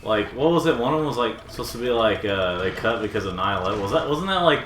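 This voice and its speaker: A man's voice: lowish voice, expressive, fast, fairly bright tone. A man chatting casually while playing a game, rambling with lots of fillers and restarts. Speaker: gaming co-host. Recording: echoey room with faint noise.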